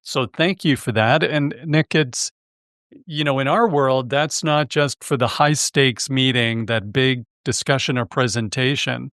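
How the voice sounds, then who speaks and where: A man's voice: medium pitch, unhurried, fairly bright tone, no room sound, clean studio sound. A man hosting a sales podcast, interviewing a guest in a conversational, engaged way. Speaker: podcast host.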